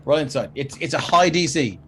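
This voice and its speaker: A man's voice: fairly high pitch, animated, a little fast, a little hiss or hum. A man running a tabletop game as game master, narrating casually to his players.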